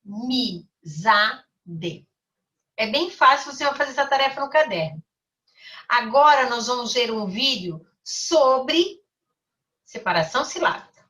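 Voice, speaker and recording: Primary school teacher, woman, bright and crisp, slow and careful with the children, mic set back. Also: high-pitched, animated, far from the mic. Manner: slow, over-articulated for children. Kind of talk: recorded online class.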